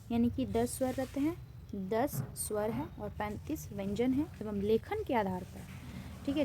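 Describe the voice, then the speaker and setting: Indian-accented woman teacher, mellow voice, self-quizzing lesson delivery, faint background hiss. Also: on the high side. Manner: asks a question then answers it herself, repeats key terms. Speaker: Hindi grammar teacher. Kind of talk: classroom lesson, asking and answering quiz questions.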